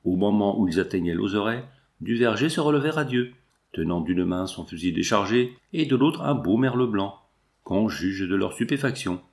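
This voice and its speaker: Low-voiced male audiobook narrator. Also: animated, normal speed, darkish tone. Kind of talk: scripted narration of a classic novel.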